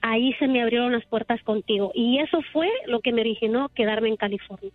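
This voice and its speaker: Lady calling in to the radio, chatty and earnest, highish voice, tinny phone line. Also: fairly quick, no echo, faint music behind. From El Salvador. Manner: earnest, talkative, emotional storytelling. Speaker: caller, salon owner. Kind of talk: casual phone-in chat.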